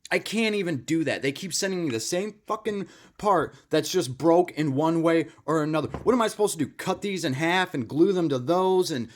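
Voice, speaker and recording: A man's voice: a little high, expressive, moderate pace, hardly any pauses. A man ranting to camera, exasperated and profane, repeating himself. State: angry. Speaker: hobbyist vlogger. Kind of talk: angry rant to camera.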